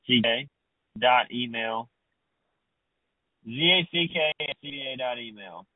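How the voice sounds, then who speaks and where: A man's voice: medium pitch, measured pace, no room sound, recorded from a distance. A man on a casual phone call, spelling things out letter by letter while his connection breaks up and cuts out. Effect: phone connection breaking up and cutting out. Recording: tinny dry phone line, dropping out.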